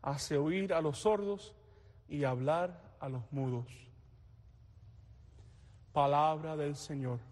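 A man speaks as clergy at a church service, reading and preaching at a slow, deliberate pace. His voice sits a little high. It rings with a long cathedral echo. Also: a little mellow. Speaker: priest or deacon reading the Gospel and preaching. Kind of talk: liturgical reading and homily. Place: large reverberant church interior. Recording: long echoing church reverb.

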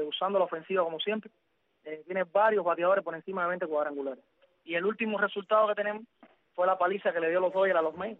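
A man's voice: high-pitched, no echo. A man hosting on sports radio, going methodically through baseball results with frequent "eh" fillers. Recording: dry, phone-like narrow sound.

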